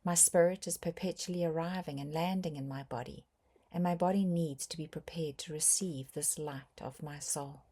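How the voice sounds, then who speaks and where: A woman's low, breathy voice carries a scripted guided meditation. Soft and unhurried, her measured delivery leaves many pauses along the way.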